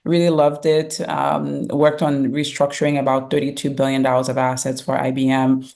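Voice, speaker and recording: Interview guest: middle-aged woman from Haiti, low voice, measured, thoughtful, lots of fillers. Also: monotone, creaky, a little mellow. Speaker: guest, fintech founder and CEO. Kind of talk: conversational interview answers.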